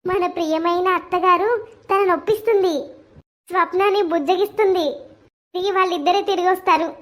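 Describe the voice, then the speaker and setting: A woman's voice: very high-pitched, fairly even intonation, fairly quick. A woman voicing a sly young daughter-in-law in a cartoon story who schemes and talks smugly. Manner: smug, conspiratorial.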